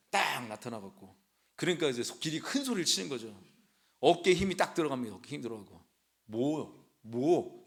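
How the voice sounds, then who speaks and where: A man's voice: high-pitched, fairly bright tone. A young adult man preaching a sermon as a pastor, talking in a conversational way, dropping into casual speech and acting out short quoted lines.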